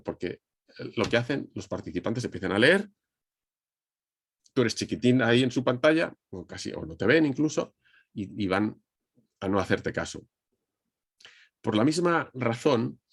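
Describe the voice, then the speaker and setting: Low-voiced Madrid Spanish man teaching online. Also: creaky, no echo, clean studio sound. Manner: conversational, addresses audience directly, frequent restarts. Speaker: communication trainer. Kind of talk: online presentation lesson. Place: indoors at a desk under a ring light. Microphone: webcam on video call.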